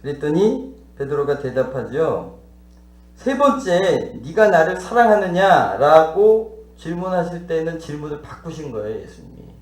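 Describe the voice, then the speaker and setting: A man's voice: on the high side, very animated, unhurried, reverberant. A male pastor delivering a teaching sermon. He puts questions to the congregation and acts out the dialogue he describes. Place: church sanctuary.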